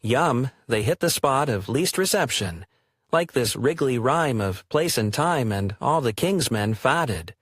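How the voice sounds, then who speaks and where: A man's voice: medium pitch, animated, a bit bright, breathy edge, no room sound, studio quality. Sardonic man performing spoken word poetry. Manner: rapid wordplay, sardonic, sing-song rhyming delivery.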